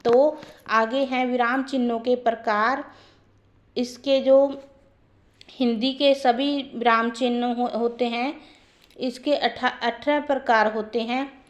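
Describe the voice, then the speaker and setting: A woman's voice: fairly high pitch, steady tone, slow. A woman teaching a grammar lesson who explains step by step and repeats her points.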